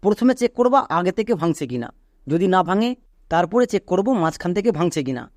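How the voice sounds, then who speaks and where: A man teaches English pronunciation step by step in a spoken lesson, repeatedly asking questions and then answering them himself. His voice is high-pitched, sing-song, quick, and a little mellow. The recording is close and dry, with no room sound.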